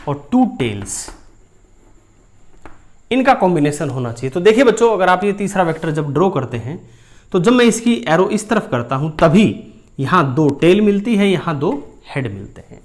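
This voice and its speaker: High, lively physics teacher. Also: male voice, moderate pace, pauses often. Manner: addresses students warmly as dear children; explains step by step while drawing. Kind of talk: whiteboard lesson.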